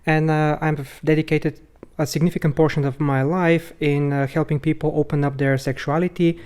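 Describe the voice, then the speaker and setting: A man from Bulgaria, speaking as a podcast guest in a hesitant, halting way with many filler sounds. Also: fairly high pitch, flat delivery, a little mellow, clear, resonant tone. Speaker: podcast guest, rope bondage instructor. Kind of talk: casual conversational interview.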